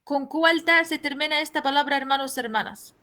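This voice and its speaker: A woman's voice: high voice, fairly quick, pushed and bright. A woman teaching a language class, explaining patiently, repeating each point and asking her students questions. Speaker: Arabic teacher.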